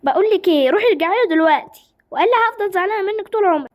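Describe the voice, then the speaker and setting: A young woman with an Egyptian accent voicing a jealous, sharp-tongued teenage girl who scolds her friend in a doll-game drama. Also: very fast, natural voice. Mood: scolding. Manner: scolding, high-pitched.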